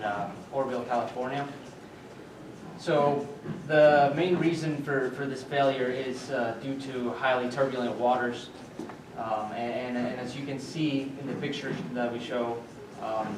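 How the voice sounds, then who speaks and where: A young man with a medium-pitched voice gives a student team presentation, sounding hesitant and full of filler sounds and restarts. He's recorded from far away in a noisy, echoey room.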